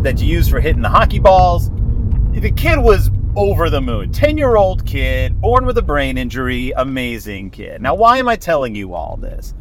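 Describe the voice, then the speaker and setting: Rambling man podcasting from his car. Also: a little high. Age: 40s. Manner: rambling, self-deprecating, theatrical asides. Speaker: podcast host. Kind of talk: casual solo monologue. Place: inside a moving car. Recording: road noise from a driving car.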